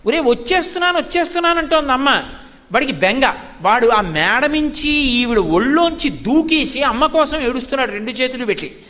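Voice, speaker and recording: A man with a high, bright voice delivers a devotional sermon, telling stories in an animated way and breaking into recited Sanskrit verses. His voice carries a long hall reverb. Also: normal speed. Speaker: spiritual discourse speaker.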